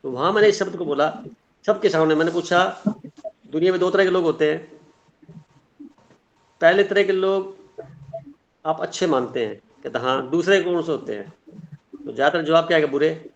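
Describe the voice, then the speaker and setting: Middle-aged guy teaching, bit high voice, earnest, explains with examples, dull lo-fi audio. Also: moderate pace, pauses often. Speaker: spiritual teacher. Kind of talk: online class talk. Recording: dull lo-fi sound.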